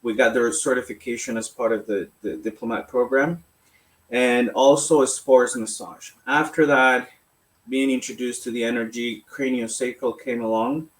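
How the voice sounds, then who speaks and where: A man from Colombia, a massage therapist, calmly answering interview questions and explaining his work. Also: mid-range voice, moderate pace.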